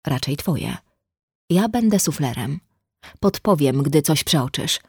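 Woman reading sly mocking young guy, soft gentle teasing tone, low voice. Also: lively intonation, slow, breathy edge, no echo, studio quality, heavily acted.

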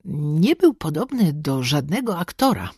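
A woman's voice: low voice, big pitch swings, a little slow, dark tone, husky, no echo. A woman narrating a first-person audiobook with a sardonic, bossy and dryly comic manner, close to the mic.

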